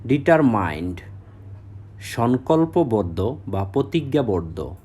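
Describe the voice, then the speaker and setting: Slow, husky man drilling vocabulary. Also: mid-range voice, sing-song, mellow. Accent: Bengali. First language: Bengali. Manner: reads each word, then its meaning, repeating slowly. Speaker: English vocabulary teacher.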